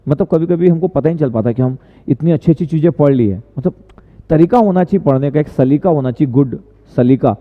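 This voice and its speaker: A male online tutor with a slightly high voice talks fast while teaching casually in a live stream. He's chatty, answers viewers' questions, and often repeats himself, and the stream audio is tinny, echoey and lo-fi.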